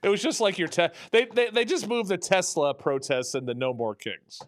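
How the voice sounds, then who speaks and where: Talk host, male, high lively voice, sarcastic rambling rant, dry studio sound. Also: moderate pace, dry recording. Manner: animated, rambling, sarcastic, with many restarts. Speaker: radio talk show host. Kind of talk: opinionated political talk.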